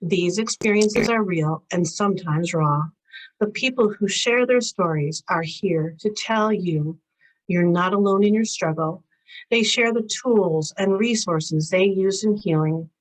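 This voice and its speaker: Podcast host, woman, measured and even reading of a scripted intro. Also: medium pitch, rough recording. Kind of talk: scripted intro, then interviewing.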